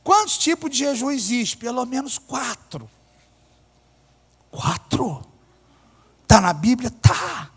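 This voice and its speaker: High-voiced pastor, echoing church. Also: male voice, lively intonation, slow, pauses often, slightly rough. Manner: emphatic, shifting between loud declarations and low asides, humorous. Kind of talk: sermon. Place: church hall. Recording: long church reverb.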